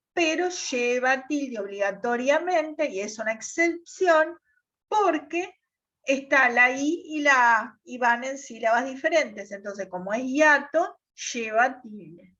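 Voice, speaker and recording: A woman teacher explains step by step on a video call, pausing often to check that the class follows. Her voice sits high and her pace is unhurried. The audio is dull and lo-fi. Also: fairly bright tone. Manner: patient, repeats "¿tá?" checks.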